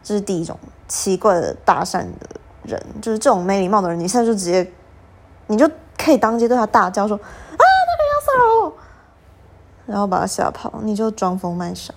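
Young woman, casual podcast storytelling, animated, acts out quoted lines. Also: medium pitch, fast talker, slight background noise. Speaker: podcast host.

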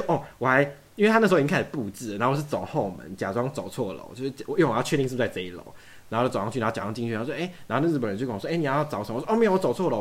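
A young man from Taiwan telling a long story in casual chat, acting out both sides of every exchange. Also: mid-range voice. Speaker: podcast guest.

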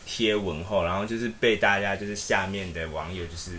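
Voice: low-pitched, brisk, fairly bright tone, slight background noise. A podcast co-host, giving wry commentary in a casual chat.

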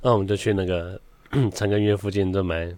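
A low-voiced man with a Taiwanese Mandarin accent rattles through a story at a quick clip. He swears casually, laughs often, and the sound is dry and close. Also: fairly even intonation, a little mellow, no echo. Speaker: podcast host.

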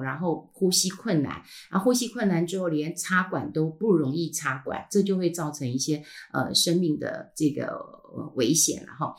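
A middle-aged woman with a Taiwanese Mandarin accent, telling a personal story in a casual podcast chat, full of fillers and trailing "ha" tags, her throat still healing. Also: fairly low pitch. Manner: chatty, frequent filler sounds and trailing "ha" tags. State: recovering from a throat illness. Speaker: podcast host.

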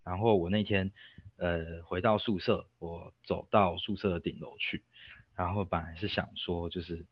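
A man's voice: deep voice, steady tone, moderate pace, slightly rough, no echo, muffled recording. A young man with a Taiwanese Mandarin accent, a podcast guest casually telling a personal story, rambling and restarting with fillers. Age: young adult. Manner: rambling, self-interrupting with fillers.

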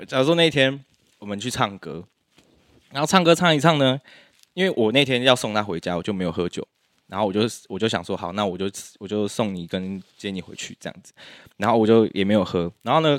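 A man's voice: lowish voice, no room sound, clean studio sound. A young man, telling a story in casual podcast chat and laughing often. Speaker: podcast guest.

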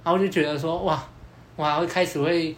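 A man, hosting a podcast and telling a story in a casual, animated way, acting out both sides of the dialogue with many fillers. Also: fairly high pitch, fairly quick, over a noisy crowd. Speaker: podcast host.

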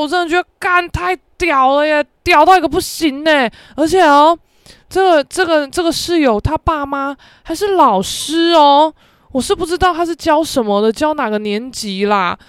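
A woman podcast host, telling a story in a casual, animated, profane way. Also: sits high, normal speed, no room sound, clean studio sound. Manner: animated, profane, acts out quoted voices.

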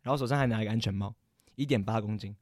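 A young podcast co-host rambles through a story in casual chat, stammering and frequently correcting himself. His voice is on the low side with a darkish tone, and he talks very fast. The studio-quality audio has no room sound.

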